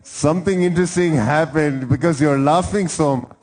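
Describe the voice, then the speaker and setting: A man hosting a live event, joking and teasing his way through chats with the audience. His voice sits a little high, and the big hall around him rings with long reverb. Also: moderate pace, a little mellow. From India. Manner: playful, teasing, chatty. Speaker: event host. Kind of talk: lively crowd interviews.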